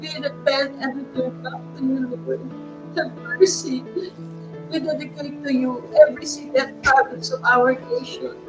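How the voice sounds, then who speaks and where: A Filipino woman leads fervent intercessory prayer, calling out "Lord God" between phrases and switching between two languages, her accent Filipino. Her high voice stays level and unhurried, picked up by a distant mic with music underneath.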